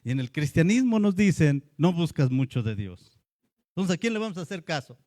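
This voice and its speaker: A man with a Mexican Spanish accent, a pastor preaching a lively sermon and acting out the voices of churchgoers. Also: on the high side, a little fast, no echo.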